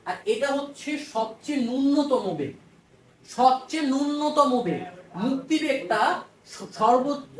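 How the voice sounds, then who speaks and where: A physics teacher, a woman with a high voice and a Bangladeshi Bengali accent, gives a casual, chatty lecture. She repeats phrases and answers her own questions. She is recorded far from the mic in a roomy, echoey space.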